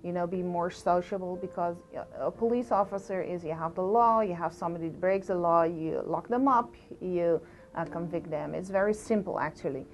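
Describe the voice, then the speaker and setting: A woman's voice: on the low side, brisk, a little hiss or hum. A woman from Aruba, a police deputy commissioner speaking passionately and conversationally in an interview, with frequent fillers.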